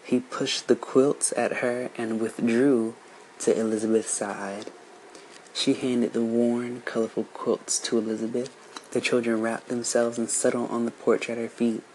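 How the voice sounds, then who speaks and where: Guy reading a story slow and steady, middling voice, faint hum in back. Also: medium pitch, poor audio. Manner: slow, measured, descriptive. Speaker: narrator.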